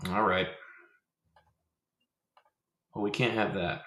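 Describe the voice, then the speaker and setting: A man's voice: on the low side, slow pace. A man chatting upbeat as a guest on a live stream over a webcam microphone, his voice sounding hollow as if he were inside a fishbowl. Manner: upbeat, lively greeting. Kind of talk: casual chat. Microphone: webcam microphone on a video call. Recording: echoey, hollow webcam mic.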